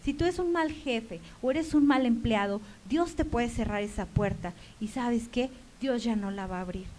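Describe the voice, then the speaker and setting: A middle-aged woman with a Mexican Spanish accent delivers a sermon in a high voice. She tells stories from her own life and acts out the dialogue of the people in them. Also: moderate pace, a little mellow. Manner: storytelling, acting out quoted dialogue. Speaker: preacher.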